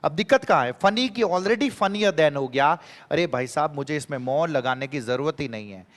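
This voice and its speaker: Animated male teacher. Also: a little high, moderate pace, long reverb tail. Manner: animated, repeats key phrases and quizzes students. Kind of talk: exam-prep grammar lesson.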